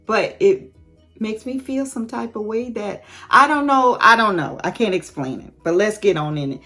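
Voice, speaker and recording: A woman's voice: medium pitch, lively intonation, moderate pace, bright, forceful tone, faint music behind. A woman in her late fifties chatting candidly and laughing often as she answers viewer questions in a casual vlog. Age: late 50s. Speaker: YouTube host.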